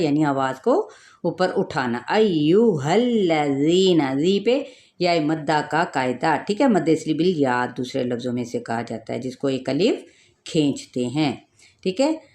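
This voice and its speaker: A woman teaching Quran recitation rules, explaining each rule step by step and drawing out the recited words slowly. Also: sits low, a little mellow. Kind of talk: tajweed lesson, explaining then reciting.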